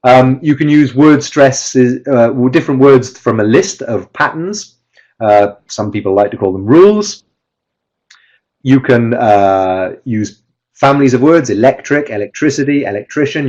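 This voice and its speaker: A man's voice: medium pitch, a little mellow, lo-fi sound. A man giving a live webinar talk as a teacher trainer through a computer mic. He explains step by step, often restarts his sentences and stresses his example words. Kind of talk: live online presentation. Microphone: computer mic with webcam.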